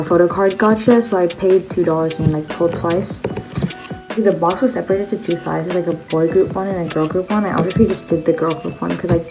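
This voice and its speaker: A woman's voice: lowish voice, low-quality recording. A teenage girl chatting casually at home about her merch haul, with lots of fillers. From China. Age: teens. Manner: chatty, many likes and fillers. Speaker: vlogger. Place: bedroom at a table indoors. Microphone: phone camera at close range. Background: background music.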